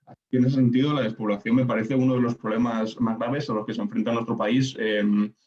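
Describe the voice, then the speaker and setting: A man's voice: medium pitch, steady tone, a little fast, darkish tone, muffled recording. A young man in his twenties from Spain, a political scientist answering interview questions in structured points with rhetorical questions. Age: 20s.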